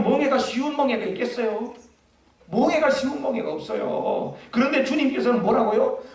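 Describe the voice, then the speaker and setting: A male pastor with a high voice preaches a sermon, chatting with the congregation and putting questions to them. His voice echoes around a church sanctuary and sounds like it was picked up from far off. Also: a little mellow. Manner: conversational, asks the congregation questions.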